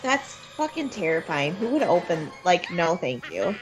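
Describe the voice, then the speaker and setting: A woman chatting casually while watching a film, quick to react and joke. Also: on the low side, sing-song, over a noisy crowd, poor audio. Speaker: movie reaction co-host. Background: film soundtrack playing.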